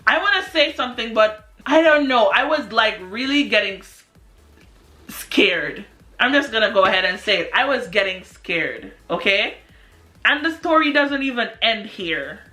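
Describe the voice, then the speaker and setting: A young adult woman vlogger telling a story in an animated, casual way, peppered with "like". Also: fairly high pitch, normal speed, soft background music. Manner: animated, exclamatory storytelling with many "like"s. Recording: echoey room.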